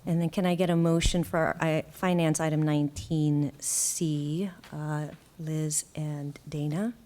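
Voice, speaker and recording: A woman chairing a school board meeting, calling for motions and questions in a brisk procedural way. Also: deep voice, level tone, dark tone.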